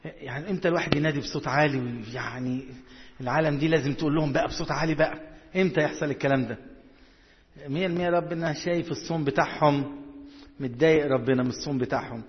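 A man with an Egyptian Arabic accent preaching a sermon, reading scripture slowly and asking his listeners questions. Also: fairly high pitch, in a large hall, dull audio. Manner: coaxing, asks the audience questions, reads verses slowly. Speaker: church preacher. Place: church hall.

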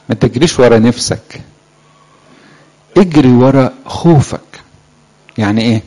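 Man, Egyptian Arabic accent, church sermon, mid-pitched voice, quizzes the crowd, voice swings up and down. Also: a little mellow, low-quality recording. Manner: questions the audience, rising and dropping his voice. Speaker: church preacher to youth. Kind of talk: sermon to a live congregation.

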